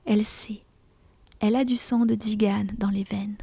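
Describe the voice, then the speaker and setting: A woman reading literary fiction as an ASMR audiobook in a hushed, breathy, deliberate whisper, close to the mic. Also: mid-range voice, fairly even intonation, no echo. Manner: slow, hushed, deliberate storytelling. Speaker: audiobook reader.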